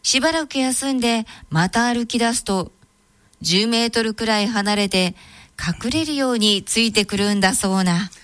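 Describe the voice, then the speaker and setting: A woman narrating a folk tale in a Tango Kyoto dialect, with a steady, measured telling. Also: fairly high pitch, no room sound. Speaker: storyteller and co-host.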